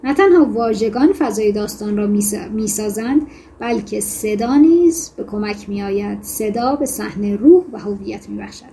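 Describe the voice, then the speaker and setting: A woman teaching a lesson on fiction writing, explaining in a conversational way with self-corrections and reading passages aloud in a measured voice. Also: medium pitch, creaky, mellow, a little hiss or hum. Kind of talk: lecture on fiction writing with read-aloud excerpts.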